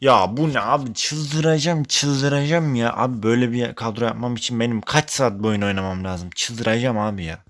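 A young man talks over his own football video game match as he plays. He sounds exasperated and curses often, breaking into loud frustrated outbursts. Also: on the low side, fairly quick, hardly any pauses. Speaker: gaming YouTuber. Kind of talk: live gameplay commentary.

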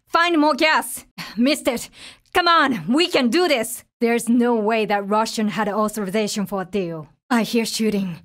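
Voicing a hardened young zombie-apocalypse survivor for a video game, a woman delivers terse, urgent lines in a focused, businesslike way. Her voice is on the high side and fairly bright, and she takes her time with each short callout.

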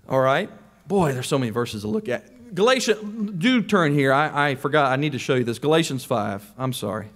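A man's voice: medium pitch, expressive, normal speed. A man preaching a sermon to a congregation, emphatic, often rising on pointed questions.

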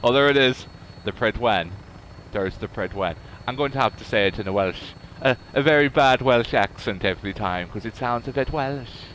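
A man's voice: mid-range voice, brisk, few pauses, a bit bright, slight background noise, low-quality recording. A man giving casual, chatty commentary while playing a game, full of self-deprecating asides. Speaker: let's play host.

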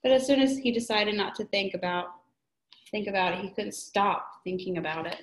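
A woman's voice: medium pitch, a little fast. Woman reading a story aloud, echoey room. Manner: reads with small slips and restarts.

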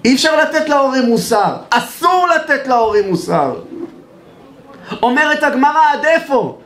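A man's voice: very high-pitched, big pitch swings, fairly bright tone. A male rabbi preaching a sermon with passion, firing off rhetorical questions at his listeners. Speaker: rabbi giving a lecture. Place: evening lecture in a hall. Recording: echoey room sound.

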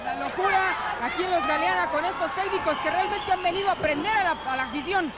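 Animated Mexican woman wrestling commentator, crowd roaring. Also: very high voice, fast talker. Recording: noisy TV broadcast, loud arena crowd. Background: loud crowd and arena noise.

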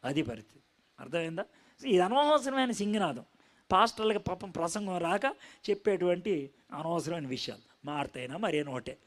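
A man preaching a Bible-teaching sermon with a high voice. He tells the passage as a story and keeps checking in with his listeners through questions. His pitch rises and falls in wide, expressive swings. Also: brisk. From India.

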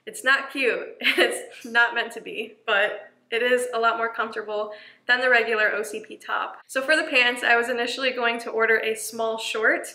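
Bright, slightly breathless young woman vlogging. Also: a little high, steady tone, moderate pace. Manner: chatty, friendly, laughs lightly. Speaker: vlogger, active duty airman. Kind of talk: casual explanatory vlog. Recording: echoey room.

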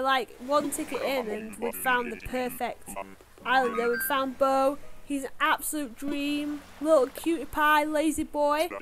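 A young woman with a Yorkshire accent chatting casually over her gameplay, rambling with lots of fillers. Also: high-pitched. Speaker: gaming YouTuber. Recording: music playing behind the voice.

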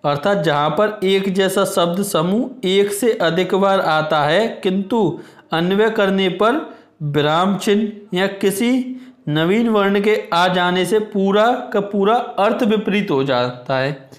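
A man teaching an exam-prep Hindi grammar lesson, explaining patiently and reading examples aloud slowly. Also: sits high, reverberant. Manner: explains slowly, addresses viewers as friends, reads examples aloud.

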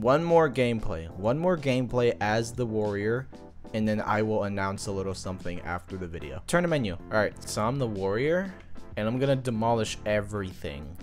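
A young man giving excited, playful gameplay commentary, shouting at the game now and then. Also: lowish voice. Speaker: gaming video creator. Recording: game music playing softly behind.

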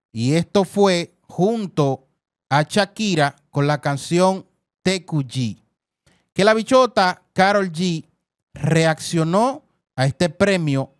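A man's voice: high-pitched, no room sound, clean studio sound. Effusive man hosting celebrity news. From Dominican Republic. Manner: effusive, repeats words, calls viewers "family". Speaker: entertainment news host. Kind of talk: celebrity news commentary over clips.

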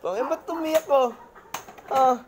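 A woman's voice: high voice, unhurried, a little hiss or hum. A woman vlogging casually among friends, teasing and badgering with repeated questions and crude swearing. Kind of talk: casual group vlog banter.

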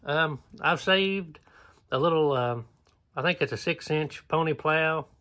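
A slightly high-voiced man in his thirties with a drawl, easygoing and plainspoken as he narrates his chores. He fills pauses with "uh" and keeps a relaxed homestead-vlog pace, speaking into a phone camera held at arm's length in an open wooden barn. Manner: easygoing, plainspoken, many "uh" fillers. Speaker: homesteader vlogger. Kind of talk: casual walkthrough narration.

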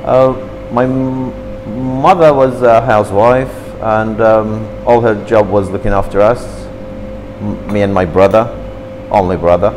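Recalling his childhood for an interview, a talkative Turkish man in his fifties speaks slightly broken English and gestures freely while seated indoors at a café. His pitch is fairly low, his pace a little slow. The camera opposite him yields a rough recording, with a little hiss or hum and a large-hall sound.

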